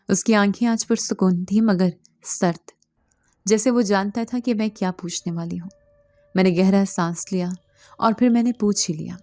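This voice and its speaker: A woman narrating a first-person horror story in a slow, dramatic scripted style. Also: mid-range voice, mellow, dry recording. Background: faint background music.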